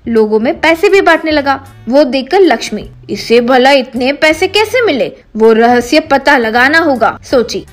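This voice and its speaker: A woman narrating a comic cartoon story in a steady storytelling manner. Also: high voice. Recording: faint background music.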